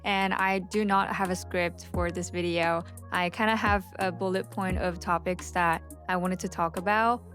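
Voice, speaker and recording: Faint music plays behind a woman whose fairly low, slightly bright voice holds a steady tone at a moderate pace with few pauses. A vlogger and social media marketing agency owner, she speaks Japanese as her first language and chats candidly, unscripted, to camera, sometimes fumbling her words.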